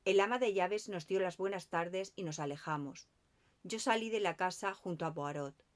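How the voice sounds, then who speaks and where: A woman reading a mystery novel aloud as audiobook narration, calm and measured. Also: on the low side. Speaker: audiobook reader.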